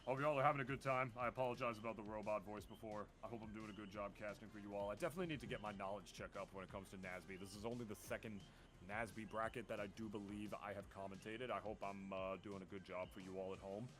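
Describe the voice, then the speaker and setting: A man commentating live on a fighting game tournament, excitable and earnest, stammering on repeated words when keen. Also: on the low side, fast talker, music in the background. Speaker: esports co-commentator.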